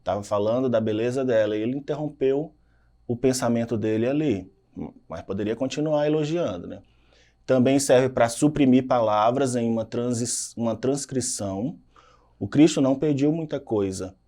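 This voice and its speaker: A man's voice: mid-range voice, moderate pace, dark tone. A man with a Brazilian Portuguese accent, teaching a recorded lesson and checking in with "tá?" and "né?" tags. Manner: explanatory, frequent "tá?" and "né?" tags.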